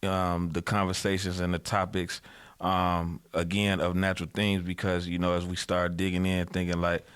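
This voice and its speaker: Male co-creator guest, very low voice, rambling earnest casual talk. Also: monotone, normal speed, a bit bright, clean tone. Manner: rambling, earnest, many "you know"s. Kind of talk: casual podcast chat.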